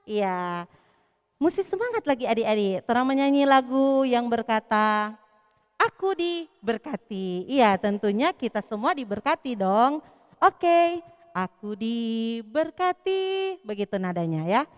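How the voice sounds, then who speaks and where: A woman's voice: fairly high pitch, big pitch swings, measured pace, clear, resonant tone, in a large hall. A woman, leading children's songs in a Sunday school service with upbeat, coaxing cues.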